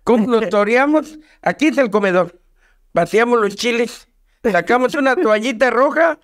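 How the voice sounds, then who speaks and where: Man, high voice, smooth clear tone, playful casual chat. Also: animated, normal speed, a bit bright. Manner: playful, jokey, slips into character voices. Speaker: stadium torta vendor and guest. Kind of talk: casual podcast chat, joke telling.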